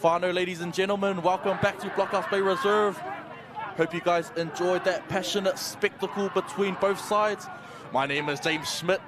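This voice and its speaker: Male sports commentator, broad Kiwi accent, slightly high voice, animated, noisy outdoor ground with loud crowd. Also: moderate pace. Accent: broad New Zealand. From New Zealand. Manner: animated announcer delivery. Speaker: lead rugby league commentator. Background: loud crowd and outdoor noise.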